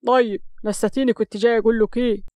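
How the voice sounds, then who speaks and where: A woman's voice: on the high side, steady tone, very fast, a little mellow, no echo, close to an everyday voice. A woman voicing a teasing young husband, speaking with an Upper Egyptian accent in mock-cool banter. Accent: Upper Egyptian Arabic. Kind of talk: audio story reading.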